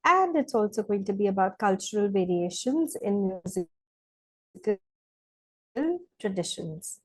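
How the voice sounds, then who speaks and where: A woman lecturing slowly and deliberately to students in a recorded online lesson, with some fillers. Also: mid-range voice, animated, poor audio. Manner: slow, deliberate teaching with fillers.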